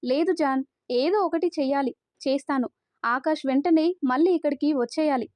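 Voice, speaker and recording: A woman voicing a jealous young businesswoman who talks in a frantic, shouting way, in a storybook reading. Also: sits high, moderate pace, no room sound, natural voice. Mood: determined.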